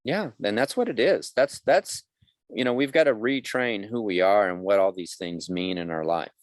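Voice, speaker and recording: A man's voice: lowish voice, moderate pace, no room sound. A man in his fifties, a podcast guest, telling his life story candidly and acting out the dialogue of people in it. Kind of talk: conversational podcast interview.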